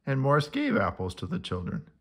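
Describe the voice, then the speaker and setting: A man reading a children's storybook aloud in an animated, expressive way. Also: medium pitch, brisk, breathy edge.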